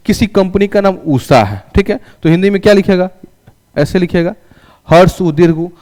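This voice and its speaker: A man's voice: high voice, moderate pace, a little mellow, long reverb tail. A male teacher giving a classroom English lesson, asking questions and answering them himself and having students repeat after him. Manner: calls students "raja".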